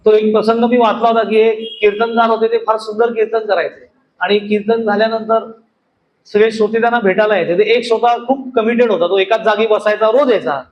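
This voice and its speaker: A man with a strikingly high voice delivers a devotional discourse. He explains patiently and weaves in parables. A faint hiss sits under the recording. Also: fairly even intonation, muffled recording. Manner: explains slowly, tells stories, chants verses drawn out. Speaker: spiritual teacher.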